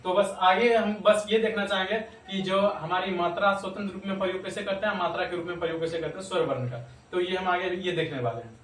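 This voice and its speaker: A man teaching a grammar lesson step by step, pausing to check with his students and laughing at himself now and then. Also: sits high, steady tone, a bit bright. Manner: explains step by step, repeats "ठीक ना", laughs at himself. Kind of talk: classroom lesson explaining to students. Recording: echoey room, distant mic, faint noise.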